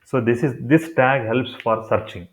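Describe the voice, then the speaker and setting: A man's voice: mid-range voice, moderate pace. A man with a Kannada accent in Indian English explains steps in an improvised, repetitive way, as in an unscripted screen tutorial. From Karnataka, India. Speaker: tutorial presenter. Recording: thin, phone-like narrow-band sound.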